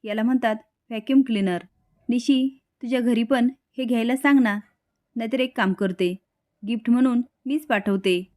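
A woman's voice: a little high, normal speed, a little mellow, no echo, studio quality, lightly acted. A woman voicing a fussy, condescending, scheming rich mother. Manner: condescending, fussing.

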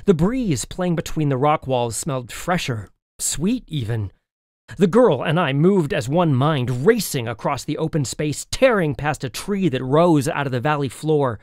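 A man's voice: on the high side, darkish tone, no echo, studio quality. A man reading a children's novel aloud as an audiobook in the first person, telling the story expressively. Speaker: audiobook narrator.

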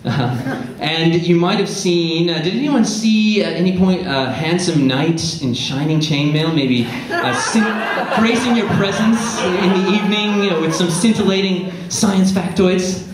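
A man in his thirties giving an informal, jokey, halting, self-deprecating stage talk as a science presenter. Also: high-pitched, expressive, crowd noise. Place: theatre stage before an audience. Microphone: handheld microphone. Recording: echoey theatre PA with audience noise.

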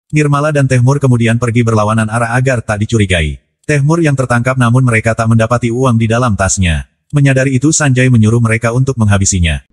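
A man with an Indonesian accent narrating a scripted film recap in a brisk, even storytelling delivery. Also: medium pitch.

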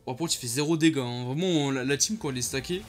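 A young man, giving casual commentary over his own gameplay and reacting loudly to what happens on screen. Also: mid-range voice, fast. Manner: excitable, slangy, reacts loudly to the game. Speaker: gaming YouTuber. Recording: faint music behind.

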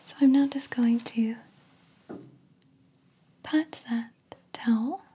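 Softly whispering, very breathy woman. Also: a little high. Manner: soft, soothing, slow and attentive. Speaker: spa therapist in roleplay. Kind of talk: whispered ASMR roleplay.

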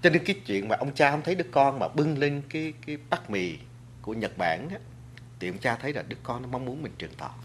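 A man's voice: mid-range voice, expressive, fast talker, a bit bright, a little hiss or hum. A man speaking as a guest on a talk show, lecturing earnestly to the audience about food and culture, with frequent restarts and filler words. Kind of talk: studio talk show discussion.

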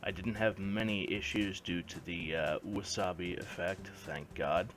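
A man's voice: low-pitched, normal speed, a bit bright. A young man giving a casual vlog update as a video creator, speaking into a headset indoors. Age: young adult. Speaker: video creator, gaming vlogger. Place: small bedroom indoors.

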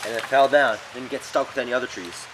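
Talking fast in a mid-range, fairly even voice, a young man gives casual, no-nonsense commentary as he works in the woods. The bushcraft clip was recorded on a handheld or tripod-mounted camera mic, with heavy background noise.

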